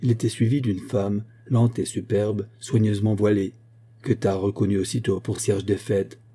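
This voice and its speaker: A man reading a literary story aloud as narrator, in a measured, even manner. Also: fairly low pitch, slightly rough. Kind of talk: audiobook narration.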